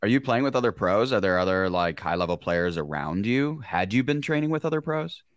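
A man with a very deep voice interviews a guest. He asks steady follow-up questions and drops in short acknowledgments. The sound is dry and close. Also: brisk, dry recording. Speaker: podcast co-host.

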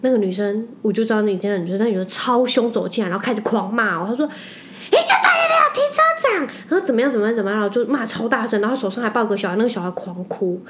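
A woman's voice: medium pitch, background noise. A young woman with a Taiwanese Mandarin accent, chatting on a podcast and telling stories animatedly and emphatically. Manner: animated storytelling, quick and emphatic. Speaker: podcast co-host. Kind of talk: casual chat.

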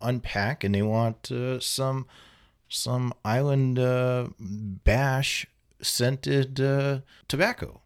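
A man with a mid-range voice joking along as podcast co-host. His speech is hesitant and halting, packed with fillers. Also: medium pitch, fairly even intonation, clear, resonant tone. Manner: hesitant, halting, heavy on "uh" and "you know". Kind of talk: comedic banter.

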